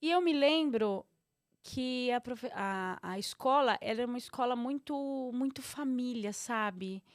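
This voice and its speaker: A woman host in her forties leads a relaxed chat, chiming in with supportive, reassuring remarks. Her voice sits a little high, recorded close and dry with no room sound. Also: no echo. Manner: supportive, quick reassuring interjections. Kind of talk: casual interview chat.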